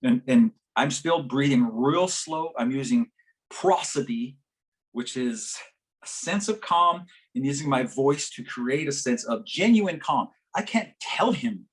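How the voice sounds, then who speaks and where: A man presenting a workshop, telling a story in a lively, animated way, acting out voices and laughing as he goes. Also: measured pace. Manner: animated, acts out quoted voices with big pitch jumps; laughs as he talks. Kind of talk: storytelling talk to a live audience. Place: conference workshop session.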